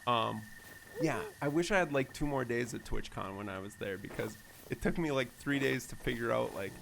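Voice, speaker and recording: A man's voice: mid-range voice, lively intonation, moderate pace, creaky. A man, a variety streamer, chatting casually and upbeat while playing a game live and thanking viewers. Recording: loud background noise.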